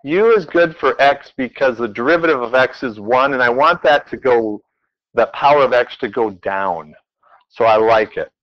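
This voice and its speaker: A man's voice: mid-range voice, moderate pace. Playful male math teacher, lo-fi. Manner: playful, quizzing the class as he works problems. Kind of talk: classroom lecture. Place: classroom.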